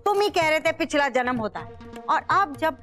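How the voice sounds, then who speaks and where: A woman's voice: sits high, lively intonation, normal speed, a bit bright. An actress playing a stern older grandmother who lectures her grandson. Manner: scolding, lecturing. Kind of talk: TV comedy acting. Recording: music under the scene.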